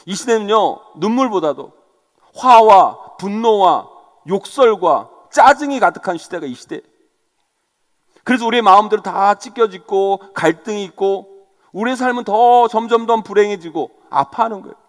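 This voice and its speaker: A male senior pastor giving an animated sermon, acting out quarrels and speaking straight to his congregation. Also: high voice, normal speed, in a large hall. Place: church sanctuary.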